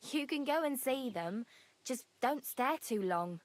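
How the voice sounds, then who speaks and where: A woman's voice: sits high, lively intonation, a little slow, dry recording. An actress playing a cheerful, chatty young female wanderer in a game. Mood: friendly. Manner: friendly, chatty, laughs easily.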